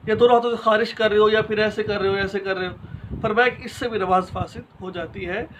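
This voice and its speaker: High-voiced man teaching a religious lesson. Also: steady tone, slight background noise, poor audio. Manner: explains step by step with examples and rhetorical questions; addresses listeners directly and informally.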